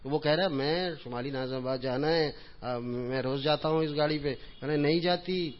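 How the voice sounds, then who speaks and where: A man giving an informal religious talk in a mosque, telling humorous anecdotes in a chatty way and chuckling at his own jokes. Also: a little high. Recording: dull lo-fi recording.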